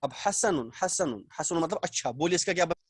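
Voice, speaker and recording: A man teaching a language class over a video call, explaining slowly, repeating words and quizzing his students. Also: on the high side, lively intonation, slightly rough, no echo, studio quality. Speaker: Arabic teacher. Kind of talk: online class lecture.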